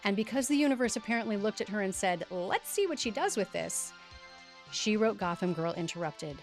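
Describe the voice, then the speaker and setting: A woman's voice: medium pitch, very animated, brisk, faint music behind. A middle-aged woman hosting a podcast, reading a scripted introduction in an emphatic, conversational way. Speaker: podcast host.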